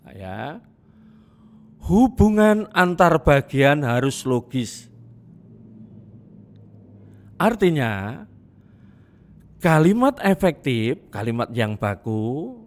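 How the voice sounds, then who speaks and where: A middle-aged man giving a classroom lecture, deliberate and repetitive, stressing examples with pauses. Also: medium pitch. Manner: slow, deliberate, repeats examples and emphasizes with pauses.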